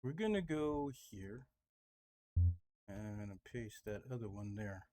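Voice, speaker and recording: A fifty-year-old music producer vlogs casually from his home studio, rambling about making music, restarting sentences and leaning heavily on fillers. His voice is fairly low, expressive and slow.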